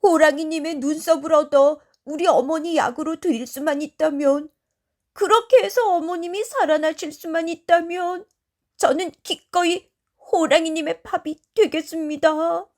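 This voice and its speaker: Lady doing a devoted young son in a bedtime story, begging real polite, high pitched. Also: expressive, unhurried. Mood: pleading. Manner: loud, eager, polite pleading. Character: devoted young male son, pleading earnestly.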